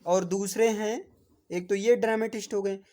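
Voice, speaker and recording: A man's voice: high-pitched, fairly even intonation, moderate pace, dark tone. A man with a Hindi accent giving a classroom lecture, repeatedly asking "है ना?" and spelling words out for his students. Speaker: teacher.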